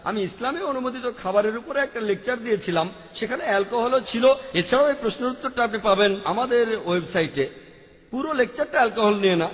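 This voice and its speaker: A man answers audience questions at a religious lecture in a high, carrying voice. He works methodically, reciting verses and listing what can be done point by point. The sound hangs in a long hall reverb. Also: a bit bright. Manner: methodical, quotes scripture verses and lists options.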